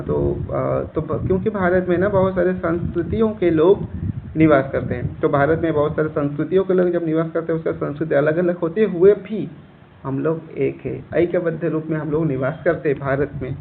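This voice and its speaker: A male teacher patiently explaining textbook answers in a class lesson, reading lines out slowly and then going over them again. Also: a little high, gravelly. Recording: tinny phone-like recording with faint hiss.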